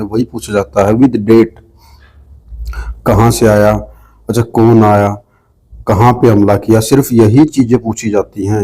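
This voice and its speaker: A man's voice: on the low side, mellow, rough recording. A young man teaching a history lesson from his notes, asking questions and answering them himself as he goes. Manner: addresses students directly, asks and answers his own questions. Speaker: exam coaching teacher.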